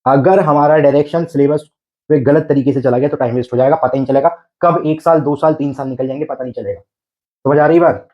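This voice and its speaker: A man's voice: on the high side, fairly even intonation, quick pace, muffled recording. A man teaching an exam preparation class, coaxing his students with repeated rhetorical questions and frequent check-ins. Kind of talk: exam coaching lecture.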